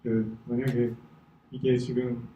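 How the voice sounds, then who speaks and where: A young man presents technical material in a very dark, muted voice. His articulation is a little impaired, as if numb from the dentist, and he often stops to hunt for words. The recording is echoey and distant from the microphone. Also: medium pitch, completely flat delivery. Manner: slightly impaired articulation after wisdom tooth extraction; halting, searching for words. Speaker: conference presenter. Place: indoor talk venue.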